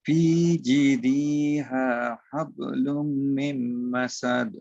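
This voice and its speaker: A man reading Quran verses aloud as a student in an online class, halting and careful. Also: medium pitch, little pitch movement, creaky, darkish tone, no echo, muffled recording. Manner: reads haltingly and slowly.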